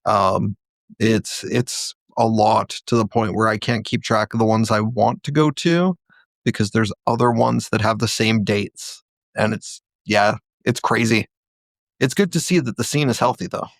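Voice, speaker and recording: A man's voice: on the low side, measured pace, no room sound. A man talking casually and conversationally, rambling a little as he goes. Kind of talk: casual chat.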